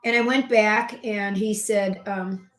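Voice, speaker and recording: A middle-aged homeopath with her own health channel speaks slowly to her viewers, telling a personal story in a loose, rambling style packed with fillers and side comments. At a mid pitch, she is expressive, alternating between loud, emphatic bursts and quiet asides, and her voice rings slightly in a roomy space.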